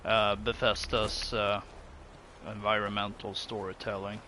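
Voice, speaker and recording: A man's voice: on the low side, flat delivery, measured pace, background noise. A man giving casual let's play commentary, musing and thinking aloud in a hesitant way. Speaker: gaming video host. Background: game music.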